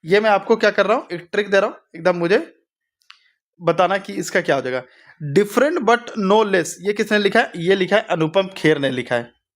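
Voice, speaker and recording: A man's voice: high voice, lively intonation, moderate pace. A young man teaching an exam-prep lesson with memory tricks, asking rhetorical questions and repeating each answer. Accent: Hindi-speaking north Indian.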